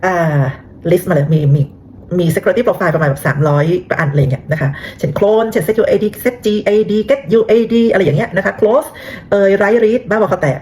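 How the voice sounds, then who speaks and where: A woman's voice: medium pitch, normal speed, a little mellow, a little hiss or hum. A woman casually explaining a technical topic in a chatty way, with lots of fillers and rhetorical questions to her listeners. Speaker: cybersecurity talk host.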